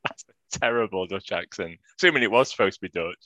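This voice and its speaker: A man's voice: deep voice, quick pace, bright, forceful tone, no echo. A man in his forties co-hosting a football podcast, chatty and self-mocking. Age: 40s. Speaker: podcast co-host. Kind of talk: casual football podcast chat. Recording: dry, dull lo-fi sound.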